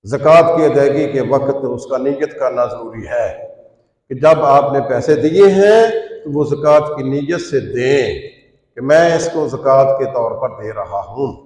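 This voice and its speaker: A man's voice: mid-range voice, darkish tone. A man from Pakistan giving a Friday sermon in a large mosque, explaining rules step by step and pushing his voice up on key points. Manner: instructive, rising emphatic peaks on key points. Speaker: preacher. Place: large mosque prayer hall. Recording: echoey mosque hall from far off.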